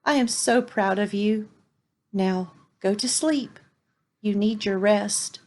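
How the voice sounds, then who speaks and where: A woman voicing a caring mother donkey in a children's storybook, speaking softly and reassuringly. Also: medium pitch, slow pace. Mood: tender.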